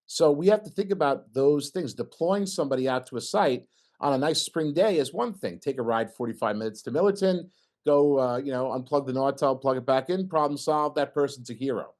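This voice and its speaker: A man's voice: medium pitch, a little fast, a little mellow. A middle-aged man presenting a talk with slides at an engineering meeting, joking and putting questions to the audience. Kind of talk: informal technical talk with slides.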